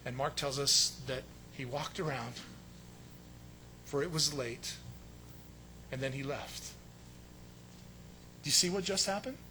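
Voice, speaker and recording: A man preaching a sermon with emphatic delivery, swinging between loud stressed phrases and hushed asides. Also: mid-range voice, slow pace, long pauses, background noise. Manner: acts out quotes in a raised voice. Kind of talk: sermon teaching.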